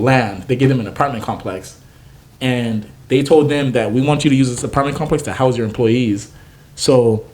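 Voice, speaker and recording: A young adult man from Naples, Florida, a chef and food truck owner, telling stories in a casual interview and acting out the voices of the people he quotes. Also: mid-range voice. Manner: animated storyteller, acts out quoted voices.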